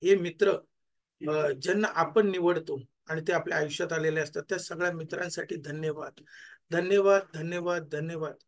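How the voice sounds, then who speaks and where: A man guides listeners through a gratitude meditation as a life coach. He repeats each thank-you several times, and every repetition drops quieter until it trails away. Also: on the high side, fairly even intonation, moderate pace.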